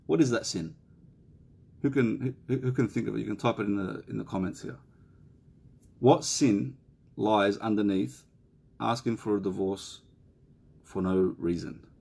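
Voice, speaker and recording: A middle-aged man giving relationship counselling in a live question and answer session, chatting casually, reading out viewer questions and slowing down to repeat key points. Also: lowish voice, vocal fry, a little mellow, breathy edge. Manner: conversational, reads out viewer questions; slows down and repeats key phrases.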